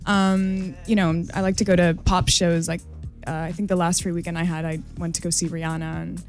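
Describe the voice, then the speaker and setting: A woman's voice: fairly low pitch, level tone, brisk, a little mellow, soft background music. A woman from New York, chatting as a DJ guest on a radio show, giggly and full of fillers and restarts. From New York, USA. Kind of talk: casual radio interview. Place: radio studio.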